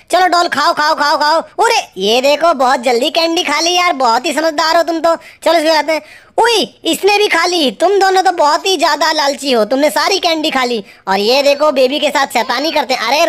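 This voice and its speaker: A woman narrating a toy play video for children, full of excited exclamations and playful scolding of the toys. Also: sits high.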